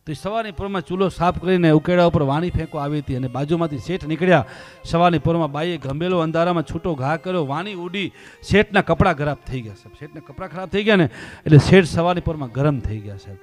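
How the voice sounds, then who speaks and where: A man giving a devotional story discourse, acting out the story voices and swinging from quiet telling to loud pleading. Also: fairly high pitch, fast talker. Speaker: religious storyteller.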